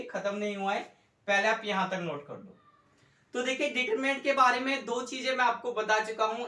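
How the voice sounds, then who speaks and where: In an echoey room with the mic far off, a male economics tutor works through a whiteboard math lesson. He talks slowly and repetitively, quizzing students with questions. His voice is very high with a sharp tone.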